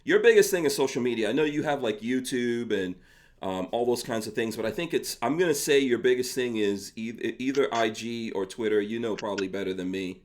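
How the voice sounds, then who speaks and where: A man's voice: medium pitch, fairly quick. A man from Guyana hosting a podcast in casual conversation, rambling with restarts and laughing easily. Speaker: podcast host.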